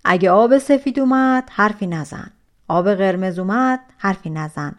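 A woman's voice: on the high side, natural voice. Woman voicing a big commanding demon. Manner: loud, commanding questions. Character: big hulking demon, gruff and demanding.

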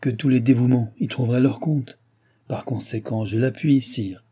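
A man voicing a smooth, deferential police chief at court in an audiobook. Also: mid-range voice, fairly even intonation, moderate pace, warm tone, lightly acted.

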